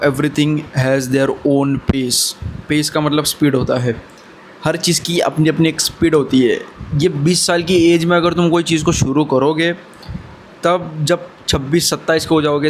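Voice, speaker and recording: A man's voice: on the high side, slight background noise. A man in his twenties giving earnest, brotherly motivational advice in a casual talk to camera. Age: 20s. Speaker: vlogger.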